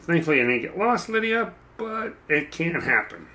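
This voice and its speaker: A man chatting casually while he paints a miniature, rambling and self-deprecating, with a dry, froggy throat that he keeps clearing. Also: on the high side, very animated, normal speed, pushed and bright. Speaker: mini painting streamer.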